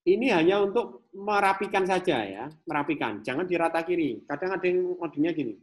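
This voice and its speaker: A man with an Indonesian accent teaches a live programming class, demonstrating code on screen as he goes. His pitch rises and falls in a lively way, and he thinks aloud, repeating points. It comes across as a casual classroom explanation. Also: a little fast. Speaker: programming lecturer.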